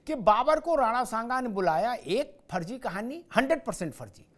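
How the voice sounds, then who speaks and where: Male TV debate anchor, notably high-pitched for a man, with a rhetorical, sarcastic questioning style. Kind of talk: TV news debate hosting.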